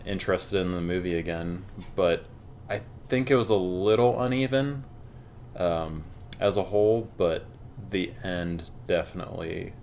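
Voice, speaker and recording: A man reviewing a film on a casual podcast, unhurried and hesitant, with plenty of fillers. His voice sits very low, and faint noise hums behind him. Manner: relaxed, hesitant, many fillers.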